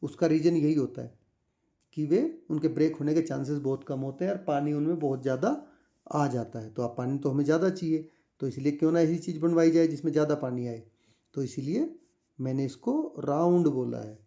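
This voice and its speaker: Dark-voiced Indian man tutoring. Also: a little high, a little fast. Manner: patient, repeats questions to the class. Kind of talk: explaining a school chapter.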